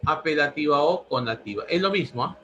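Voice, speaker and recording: A man's voice: a little high, lively intonation, a little fast, sharp tone, dull audio, a little hiss or hum. A man teaching a language lesson, repeating each answer several times. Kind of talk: pre-university language lesson.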